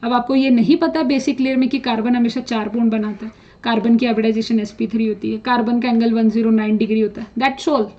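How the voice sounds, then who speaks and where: A woman's voice: a little high, fairly even intonation, fast talker, mellow. A woman chemistry teacher giving students direct, no-nonsense exam preparation advice, slipping English phrases into her talk. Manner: direct, scolding, mixes English phrases into speech. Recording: dull lo-fi sound.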